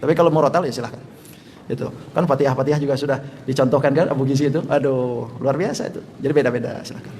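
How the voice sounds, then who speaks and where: A man's voice: mid-range voice, very fast, a little mellow, long reverb tail, slight background noise. A man teaching a religious study class, chuckling often and chanting sample melodies between his explanations. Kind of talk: Quran study lecture.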